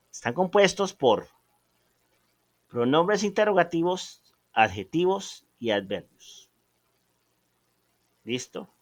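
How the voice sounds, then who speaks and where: A man teaching an English lesson on video, animated and emphatic, slowing down to stress example phrases. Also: mid-range voice, no room sound, studio quality.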